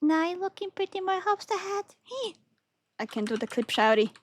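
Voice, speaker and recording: A woman's voice: very high-pitched, very animated, normal speed. A young woman streaming a game, sleepy and yawning, chatting playfully with viewers and giggling often. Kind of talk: casual chat with stream viewers.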